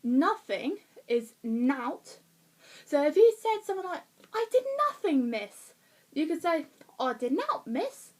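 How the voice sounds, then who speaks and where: Woman, slightly high voice, rambling home vlog chat full of ums and restarts. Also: very animated, measured pace, darkish tone, low-quality recording. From Essex, England. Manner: rambling, many fillers and restarts, laughs at herself. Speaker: vlogger reviewing a play. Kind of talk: casual chatty review. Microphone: phone or webcam.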